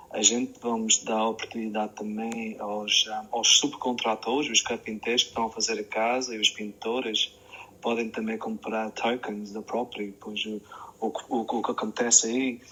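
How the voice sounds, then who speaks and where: A man hosting an online chat in a low, level voice with little rise and fall. He talks in a halting way and often repeats words. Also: bright, forceful tone, slightly rough, poor audio. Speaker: show host.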